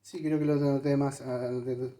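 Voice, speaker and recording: A man's voice: mid-range voice, level tone, moderate pace, mellow. A male pastor, preaching a conversational sermon to his congregation, talking to them directly and thinking aloud while he hunts for Bible verses. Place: church.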